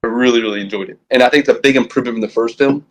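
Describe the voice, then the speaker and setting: Young male podcast co-host, rapid excitable delivery, low-quality phone stream audio. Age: young adult. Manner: quick, excitable, many restarts. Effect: low-quality phone recording of a stream. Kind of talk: casual fan podcast chat.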